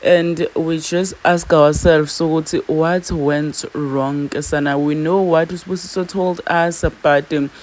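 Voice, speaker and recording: A man with a South African accent hosting a channel, giving casual commentary in a hesitant, halting way. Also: fairly high pitch, fairly even intonation, slight background noise, poor audio. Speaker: YouTube channel host. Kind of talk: casual vlog commentary mixing English and Zulu.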